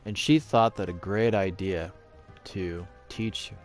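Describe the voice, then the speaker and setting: A man's voice: deep voice, steady tone, slow pace, faint music behind. A middle-aged man telling a rambling school story, profane and emphatic. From Canada. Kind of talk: casual storytelling monologue.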